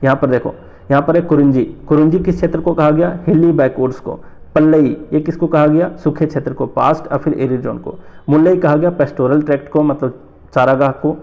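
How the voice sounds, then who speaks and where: A man from North India with a fairly high, steady voice teaches an exam-prep lesson, explaining things slowly, repeating terms, and posing rhetorical questions. The recording sounds muffled.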